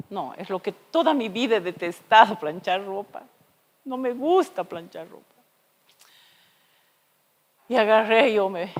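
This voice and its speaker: A woman preacher delivering a sermon, telling stories with dramatic shifts between loud and soft. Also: on the low side, long reverb tail. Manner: expressive storytelling with dramatic shifts in loudness. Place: church.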